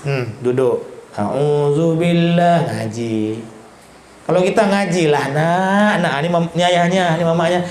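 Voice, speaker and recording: A man giving an Islamic parenting talk, acting out quick exchanges between parents and teens with lively jumps in pitch. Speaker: parenting lecturer. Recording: echoey hall with faint noise.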